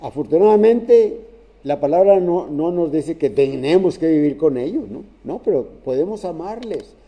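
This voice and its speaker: Man, preacher, sermon, slightly high voice, halting, repeats himself. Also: animated, warm tone. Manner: halting, many restarts and repeated "¿verdad?".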